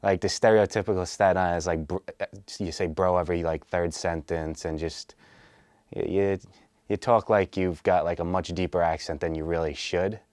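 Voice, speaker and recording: Twenties man, casual interviewee, low dry voice, hesitant, lots of fillers. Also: steady tone, normal speed, darkish tone, no echo. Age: 20s. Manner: hesitant, many fillers and restarts.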